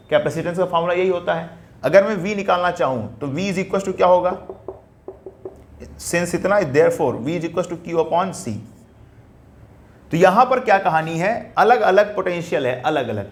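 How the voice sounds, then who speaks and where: A male physics teacher lecturing a class, addressing students fondly and asking and answering his own questions. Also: high voice. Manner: dictates notes slowly in English.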